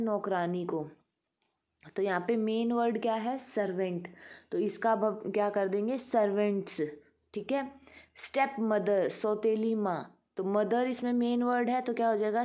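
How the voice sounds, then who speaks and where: A woman's voice: a little high, warm tone. A woman teaching a grammar lesson, patiently asking the class questions and answering them herself. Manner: addresses pupils affectionately as "beta".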